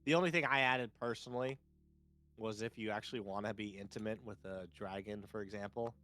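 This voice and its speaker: A man playing in a tabletop game over voice chat, explaining things haltingly and restarting often. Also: on the low side, steady tone, a bit bright. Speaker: player. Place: online voice chat.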